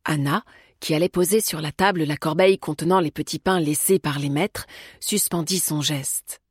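Calm woman narrating an audiobook. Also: low-pitched, slightly rough, dry recording, studio quality. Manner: calm, measured. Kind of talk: scripted narration.

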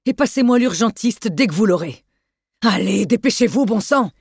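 A reader putting on a tense, commanding doctor who shouts orders over a storm, pitched up high and pushing hard. The delivery is urgent and loud, in a dry, close recording. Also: expressive, normal speed, dry recording, close to an everyday voice. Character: authoritative male doctor taking charge.

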